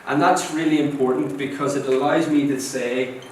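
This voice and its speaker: A man's voice: mid-range voice, fairly even intonation, moderate pace, a little hiss or hum. A man from Ireland, giving a university lecture and checking in with his listeners as he explains. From Northern Ireland. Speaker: guest lecturer. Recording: very echoey hall, distant mic, faint ambience.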